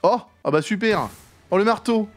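A man's voice: sits high, expressive, moderate pace, soft background music. A man streaming a game live, chatting casually with playful jokes. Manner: joking, playful. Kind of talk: casual live gaming commentary.

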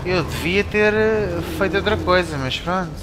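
A man with a European Portuguese accent giving excitable commentary while playing a game, yelping and shouting at scares. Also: sits high, normal speed, noisy background. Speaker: let's play gamer. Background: game music.

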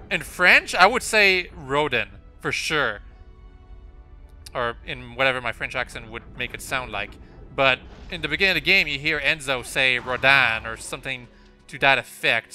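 Medium-pitched with a sharp tone, a young man rambles through casual let's play commentary over game music. He keeps correcting himself, restarting sentences, and padding pauses with "uh" and "like."

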